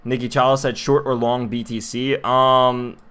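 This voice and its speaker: A man's voice: mid-range voice, flat delivery, a little slow, fairly bright tone, clear, resonant tone. A young man hosting a casual livestream of chart analysis, chatty with many fillers, talking to his viewers in chat. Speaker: crypto livestream host.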